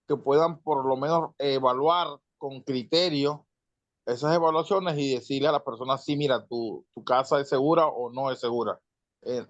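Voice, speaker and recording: A man from Venezuela giving an earnest, measured comment in an online panel, pausing with fillers. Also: on the high side, no echo. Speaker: audience member asking. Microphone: video call. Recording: dull lo-fi video call audio.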